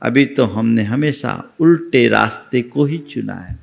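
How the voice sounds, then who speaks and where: A male monk preaching a sermon, emphatic and exhorting, rising to forceful peaks. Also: medium pitch, lively intonation, a little slow, creaky.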